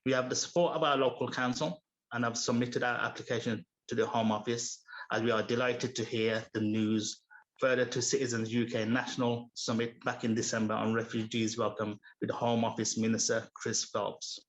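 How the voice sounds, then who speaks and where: A man speaking for his mosque community, giving a measured, read-out speech at a civic assembly. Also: mid-range voice, level tone, rough recording. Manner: measured, read-out delivery with small restarts.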